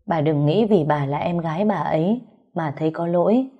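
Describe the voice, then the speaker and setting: A woman's voice: low voice, normal speed, slightly rough, muffled recording. A woman voicing an old grandfather who speaks in an earnest, pleading way.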